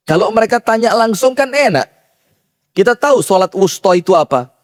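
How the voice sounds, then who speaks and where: A man preaching a sermon, telling stories with lively rhetorical questions to his audience and chanting verses slowly. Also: sits high. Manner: slow chanted Quran recitation. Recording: long hall reverb.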